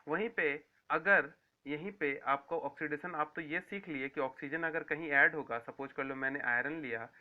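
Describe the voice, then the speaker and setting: A man's voice: on the high side, normal speed. A man giving a school science lecture, repeating key terms and asking then answering his own questions. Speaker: science teacher. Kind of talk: classroom lecture to students. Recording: tinny phone-like sound.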